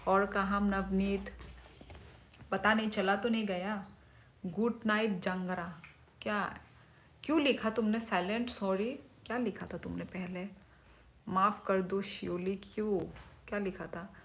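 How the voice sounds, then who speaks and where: A woman in her thirties, a native Kokborok speaker, hosts a livestream, chatting casually with viewers and reading their names aloud. Her mid-range voice is steady and fairly bright, with a measured pace and long pauses.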